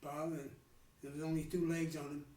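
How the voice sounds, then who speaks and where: Here a Dutch man in his nineties, from the Netherlands, candidly remembers growing up, his halting speech marked by restarts and trailing pauses. His voice runs on the high side, level and dark in tone, and it echoes from far away from the microphone.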